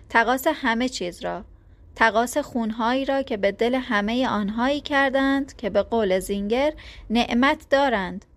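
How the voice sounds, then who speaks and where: A blunt, scornful man full of sarcastic questions, as a woman reads him in a storybook. The voice sits fairly high and stays close to the reader's own, with no real disguise. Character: outspoken middle-aged man, blunt, scornful.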